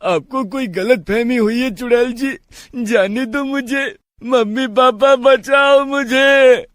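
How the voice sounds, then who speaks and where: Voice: high-pitched, dry recording, studio quality, pitched above the performer's own voice. A narrator voicing frightened, pleading village schoolboys in a cartoon story. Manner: pleading, slow and whiny.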